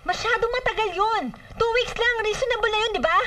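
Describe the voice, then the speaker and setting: A woman's voice: extremely high pitch, fairly quick, bright, forceful tone, distant mic, slight background noise. A bitter scolding single mother. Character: proud single mother, businesswoman, sharp-tongued. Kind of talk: film drama dialogue.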